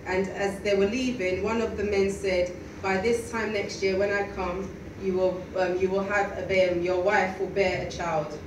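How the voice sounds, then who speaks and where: A woman's voice: medium pitch, little pitch movement. Woman preaching in an echoey church hall. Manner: conversational, halting with many fillers. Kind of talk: sermon. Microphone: stand mic at a lectern, filmed by a far camera. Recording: echoey hall from far off, noisy.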